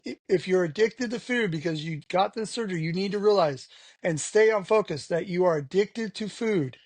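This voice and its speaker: In a dry recording, a man with a high-sitting voice talks at normal speed as a guest on a podcast. The interview is candid and conversational, and he rambles openly, peppering his talk with "you know."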